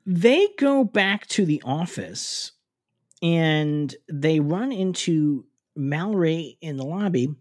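A man with a somewhat high voice talks through a TV episode in casual podcast chat. He rambles, circling back with fillers and restarts as he recaps. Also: lively intonation, slow. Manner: chatty, lots of filler words and restarts.

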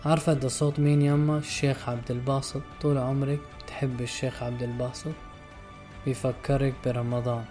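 A man voicing a grieving middle-aged son who pleads softly, his words hushed and choked. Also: medium pitch, level tone, fairly quick, soft background music, lightly acted. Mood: tender pleading. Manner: soft, choked, pleading whisper.

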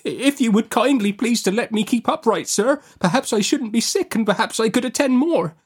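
Storybook child: male narrator as a scared, courteous little boy, pitched far up, meek and pleading. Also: expressive, moderate pace, breathy edge, heavily acted. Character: frightened, polite, helpless small boy. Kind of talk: audiobook character acting.

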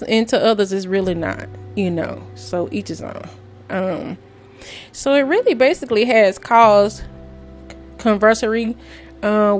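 A middle-aged woman with a medium-pitched voice vlogs for her viewers, telling stories casually. She gets excitable and tends to repeat herself for dramatic effect.

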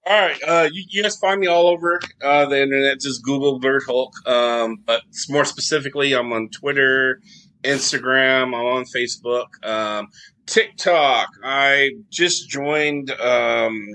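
A man's voice: mid-range voice, unhurried, sharp tone, rough recording. A man appearing as a guest on a casual podcast, rambling and enthusiastic. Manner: rambling, enthusiastic, many restarts.

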